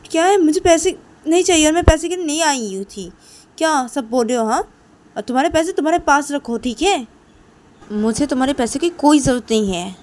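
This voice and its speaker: A woman voicing Ruhi, a touchy young woman who protests in loud, shrill outbursts, in an amateur audio story. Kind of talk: amateur storytelling with acted voices.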